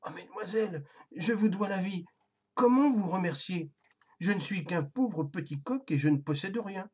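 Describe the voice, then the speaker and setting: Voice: medium pitch, animated, normal speed, darkish tone, husky, pitched above the performer's own voice. A storyteller voicing a frightened little rooster who has lost his voice to a sore throat, whimpering and stammering. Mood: grateful.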